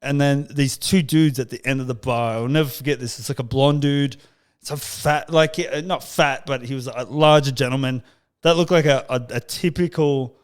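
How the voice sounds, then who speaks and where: A man's voice: medium pitch, steady tone, moderate pace, clear, resonant tone. A man with an Australian accent hosting a podcast, chatting casually and swearing as he tells stories. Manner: swearing, laughing storyteller. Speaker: podcast host. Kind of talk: casual chat.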